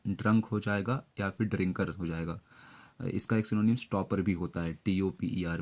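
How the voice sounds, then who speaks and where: Lower-voiced man teaching vocabulary. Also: a little mellow. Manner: explains word tricks step by step, many fillers. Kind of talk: exam-prep vocabulary lesson.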